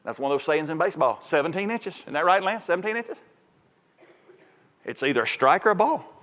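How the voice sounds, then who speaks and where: Male pastor, folksy storyteller who works up to loud preaching; fairly high voice, long reverb of a church hall. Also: expressive, fairly quick. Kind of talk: sermon. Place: large church sanctuary.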